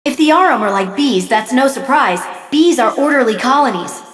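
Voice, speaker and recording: An actress playing a kindly guiding goddess in a video game, composed and reassuring, with a distant, reverberant sound. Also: female voice, high voice, expressive, normal speed. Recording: roomy, distant, long reverb.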